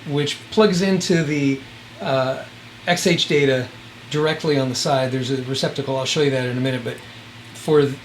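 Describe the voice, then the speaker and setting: Out in windy conditions, a man with a mid-range voice casually shows off gadgets, musing aloud in a rambling, folksy style. He reviews radios and hosts videos, and the recording is rough.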